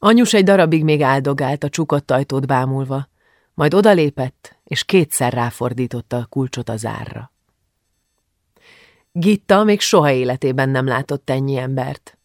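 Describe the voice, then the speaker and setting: A man with a mid-range voice narrates an audiobook from a script, telling the story in a measured, even way. The recording is dry, with clean studio sound.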